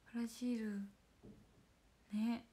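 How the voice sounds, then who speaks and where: A young woman with a hoarse, worn-out voice, chatting casually on a livestream and thanking fans by name. She slips back and forth between bright greetings and breathy half-whispers. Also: on the high side, little pitch movement, slow. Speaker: idol livestream host. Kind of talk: casual livestream chat reading fan comments.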